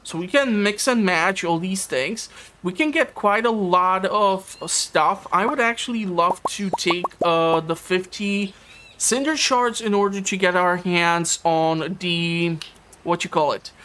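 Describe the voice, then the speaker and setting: With the game soundtrack playing and a noisy background, a woman chats her way through a farming game as a let's-play commentator. Her voice is lowish and unhurried, and she rambles, stumbles over words and cracks jokes on the side.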